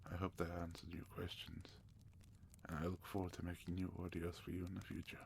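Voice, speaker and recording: Man from South Africa, soft-spoken ASMR host, gravelly low voice, faint hiss behind. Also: monotone, brisk. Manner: soft-spoken, gentle, partly whispered.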